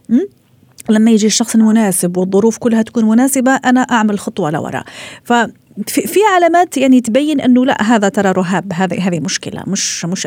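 A woman's voice: fairly high pitch, a little mellow, no room sound. A woman hosting an interview, thinking aloud in a reflective way. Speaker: talk show host.

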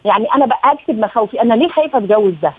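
A woman's voice: a little high, expressive, rapid-fire, breathy edge, no echo. A woman with an Egyptian accent, a psychological and family consultant guest, explaining advice in a practical way and often restarting her words. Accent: Egyptian Arabic. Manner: practical, with many self-restarts. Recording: tinny phone-like remote line.

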